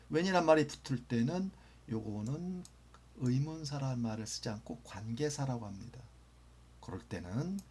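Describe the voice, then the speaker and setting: Gravelly-voiced male English teacher. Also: medium pitch, a little mellow. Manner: patient, repeats phrases slowly, drops to near-whisper for examples. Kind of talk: explaining grammar in a lecture.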